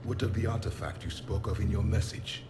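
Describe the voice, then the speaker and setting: Man as a quick, low, terse alien soldier. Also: background noise, natural voice. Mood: matter-of-fact. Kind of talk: video game voice acting. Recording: loud music behind.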